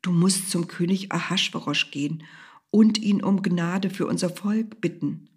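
A woman voicing a steadfast, calm older man who earnestly urges his ward. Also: lowish voice, a little slow, breathy edge. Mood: urgent.

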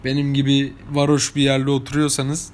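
Speaking at a moderate pace in a monotone, mid-range voice, a young İzmir-born vlogger with an İzmir Turkish accent relaxes into a chatty storytelling monologue, sharing anecdotes with viewers.

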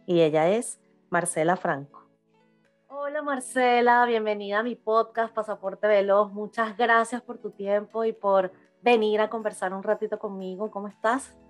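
Woman from Venezuela, podcast host, mid-pitched voice, friendly conversational questions. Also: moderate pace, faint music behind. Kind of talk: casual interview chat.

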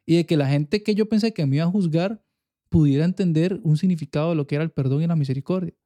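A podcast co-host, young and Costa Rican-accented, talks fast in a warm, slightly high voice on a casual faith show. Earnest in tone, he repeatedly asks "you get me?" to confirm the listener is with him.

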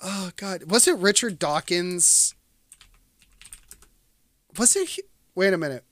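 A speaker chatting casually as a podcast co-host, excitable and quick to swear. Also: medium pitch, no echo. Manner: excitable, laughs often, swears freely. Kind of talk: casual chat.

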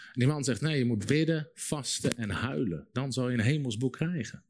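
A man's voice: medium pitch, expressive, normal speed, a little mellow. A young man preaching a sermon, telling a story vividly and repeating phrases for emphasis. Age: young adult.

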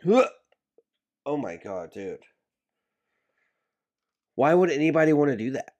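A man co-hosting a podcast, telling stories in an animated, joking way in a casual chat. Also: on the high side, measured pace. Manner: animated storytelling with laughs. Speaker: podcast co-host.

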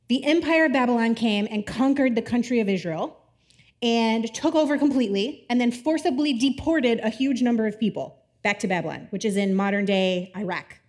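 A woman's voice: fairly high pitch, a little mellow. A woman in her thirties giving a casual, playful sermon with laughing asides and a scripture reading. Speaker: pastor.

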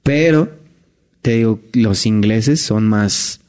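A man's voice: lowish voice, slow pace, a little mellow, clear, resonant tone. A man with a Mexican accent, a guest telling stories in casual chat, full of tag questions and restarts. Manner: chatty, peppers speech with tag questions and restarts. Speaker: guest, former hotel entertainer.

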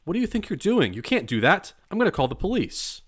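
A man voicing a hefty groundskeeper in his late fifties, indignant and agitated, who shouts in a raised voice. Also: sing-song, quick pace. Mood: indignant alarm. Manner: high, loud, agitated outbursts. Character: hefty older male groundskeeper, flustered and indignant.

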